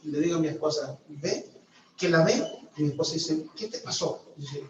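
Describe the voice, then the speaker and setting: A male pastor from Venezuela giving a sermon testimony, telling his story with sudden loud outbursts and hushed asides. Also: fairly high pitch, moderate pace, a little hiss or hum. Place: church hall. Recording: distant echoey church room, dull sound.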